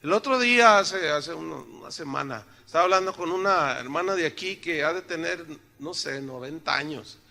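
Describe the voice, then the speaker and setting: A man's voice: a little high, normal speed, gravelly, hardly any pauses, sharp tone. An older male pastor, preaching in a church in a joking, conversational way, full of rhetorical questions to the congregation, his throat slightly sore. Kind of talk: sermon. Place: church sanctuary.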